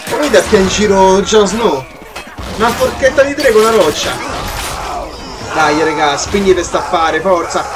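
A man with a Roman accent hosting live gameplay commentary, excitable, swearing and yelling at enemies. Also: high-pitched, measured pace, background noise. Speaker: gaming channel host.

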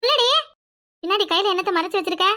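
A woman voicing a domineering, scheming middle-aged village mother in a cartoon, with a Kanyakumari Tamil accent, scolding fast and loud. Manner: shrill, scolding, fast, rising to yells. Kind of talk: cartoon voice acting.

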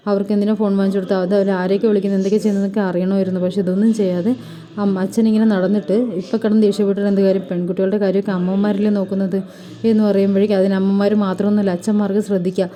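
A woman recapping a TV serial episode in a rapid, run-on spoken retelling with fillers. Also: medium pitch, mellow.

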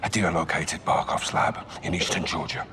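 An actor playing a gruff, wry, middle-aged British special forces captain in a video game, speaking in a clipped, authoritative way. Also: male voice, deep voice, steady tone, moderate pace, a little hiss or hum. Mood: low, persuasive. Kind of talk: video game cinematic acting. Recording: loud music bed behind dialogue.

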